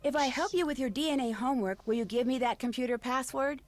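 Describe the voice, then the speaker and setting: A woman's voice: high-pitched, fast, natural voice. A woman playing a polite, inquisitive teenage schoolgirl in a video game, asking courteous questions. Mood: polite, curious.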